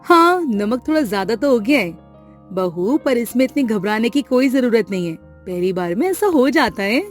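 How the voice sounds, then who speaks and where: A woman voicing a kind, calm middle-aged mother-in-law who speaks in a gentle, reassuring way. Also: on the high side, normal speed, soft background music. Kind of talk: storybook voice acting.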